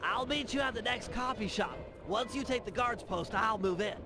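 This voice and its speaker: A man's voice: high-pitched, moderate pace, over music. An actor voicing a brainy, precise male planner who briefs his thief crew in a video game. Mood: dry. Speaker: game character.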